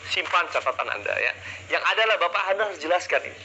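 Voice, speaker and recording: A man's voice: on the high side, lively intonation, fast, bright, forceful tone, slight background noise, poor audio. A man leading a live public speaking seminar, energetically drilling the audience with call-and-response questions into a handheld mic. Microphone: handheld microphone.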